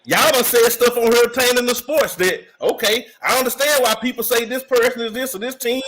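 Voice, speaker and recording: A man's voice: very high-pitched, brisk, fairly bright tone, a little hiss or hum, rough recording. A man co-hosting a sports podcast, arguing insistently in casual debate and repeating himself to press his point. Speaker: podcast co-host.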